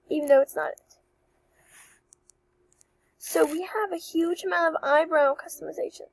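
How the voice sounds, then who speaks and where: A young woman chatting excitedly through a walkthrough of an avatar creator, with apologetic asides. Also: high voice, no echo, low-quality recording. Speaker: channel host reviewing avatar creators. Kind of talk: casual screen-recording walkthrough.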